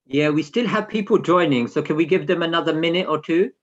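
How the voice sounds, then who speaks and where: Fairly quick and on the high side, a man's voice leads an informal online session for children. Speaking straight to the attendees over a video call, he gives instructions and asks questions; the call audio sounds slightly dull and lo-fi.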